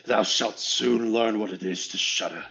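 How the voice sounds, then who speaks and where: A man voicing a terrible old bearded fiend in a storybook reading, growling slow threats. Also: on the low side, creaky, sharp tone, faint music behind. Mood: menacing.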